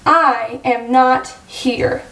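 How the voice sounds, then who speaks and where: A drowsy, grumpy male toad from a children's storybook, as a woman reads him aloud. He speaks slowly in a reluctant, low-key way. The voice sounds distant, in a room with a noticeable echo. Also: steady tone, gravelly, a bit bright, full character voice. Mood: sleepy. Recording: roomy echo, distant mic.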